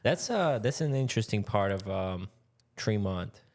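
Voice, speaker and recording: A man with a Russian accent hosting a podcast, musing in halting phrases with frequent fillers. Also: on the low side, expressive, darkish tone. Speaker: podcast host. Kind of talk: casual interview chat.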